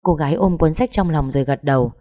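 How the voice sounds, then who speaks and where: Low-voiced woman narrating a story. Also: quick pace, warm tone, no room sound, studio quality. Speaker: audiobook narrator.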